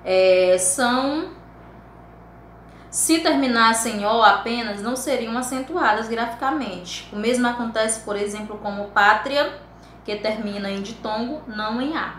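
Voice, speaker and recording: Bright-voiced woman teaching with patience. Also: fairly high pitch, roomy sound, slight background noise. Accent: Brazilian Portuguese. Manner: patient, explanatory, spells out endings slowly. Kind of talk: recorded classroom lesson.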